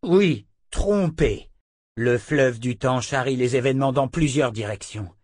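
A man's voice: medium pitch, a little slow, a little mellow, dry recording, clean studio sound, pitched above the performer's own voice, close to an everyday voice. A man reading an audiobook, voicing a defiant young man who argues and pleads. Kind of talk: audiobook character voice.

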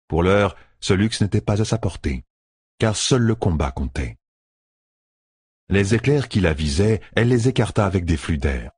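A man reading a fantasy novel aloud as an audiobook narrator, in a measured, even way. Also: low-pitched, slightly rough, dry recording, clean studio sound.

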